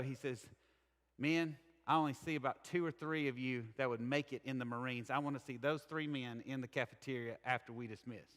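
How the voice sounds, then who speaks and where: A man's voice: mid-range voice, a bit bright. Southern man preaching in an echoey church. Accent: Southern American. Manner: conversational, candid and earnest. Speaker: pastor. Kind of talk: sermon. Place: church sanctuary.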